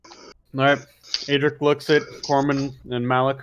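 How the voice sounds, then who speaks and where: A man's voice: mid-range voice, little pitch movement, measured pace, clear, resonant tone, lo-fi sound. A man chatting casually as a player in a tabletop role-playing game.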